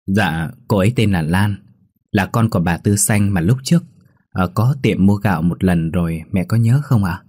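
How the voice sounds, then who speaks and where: Male reader playing a lovesick young son, low and husky. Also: moderate pace, darkish tone, no room sound, studio quality. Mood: earnest. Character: young man, shy earnest son in love.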